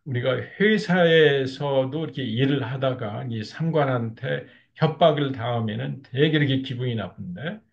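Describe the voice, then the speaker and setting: Male marriage counselor, lecture delivery, gravelly, slightly muffled lo-fi audio. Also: medium pitch. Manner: steady explanatory tone with frequent fillers like "이렇게". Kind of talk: lecture on couple communication.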